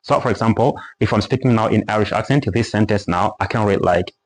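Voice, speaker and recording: This man's pitch is fairly low. He teaches English pronunciation casually, walking through each step and repeating example words slowly.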